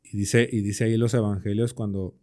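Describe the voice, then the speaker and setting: Mellow-voiced man. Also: lowish voice, level tone, a little fast. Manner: explains with everyday examples and rhetorical questions; slangy, conversational. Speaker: podcast co-host. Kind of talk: casual Bible study chat.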